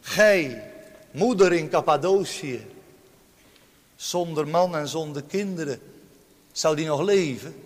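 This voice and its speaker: Man, pastor, sermon, slow and emphatic, a bit high-pitched, long church reverb. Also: animated. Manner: emphatic preaching with swings in pitch and volume.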